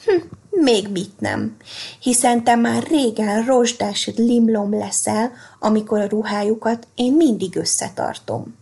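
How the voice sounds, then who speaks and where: Storybook figure: self-important thread spool, scornful, husky, read by a woman. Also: a little high, mellow. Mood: smug. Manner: scoffing, smug.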